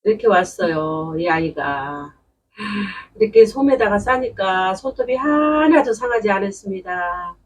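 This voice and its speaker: A woman's voice: medium pitch, expressive, a little slow, distant mic, a little hiss or hum, poor audio. A woman unboxing succulent plants at home in a chatty, delighted way, exclaiming often. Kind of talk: casual unboxing commentary. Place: indoors at home.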